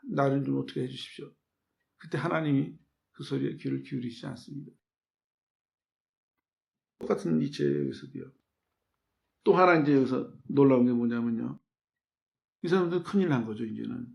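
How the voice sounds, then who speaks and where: A man's voice: mid-range voice, moderate pace, gravelly, pauses often, darkish tone. A man, a pastor, preaching a sermon in a conversational way, asking the listeners questions and answering them himself. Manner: acts out quoted voices in his telling.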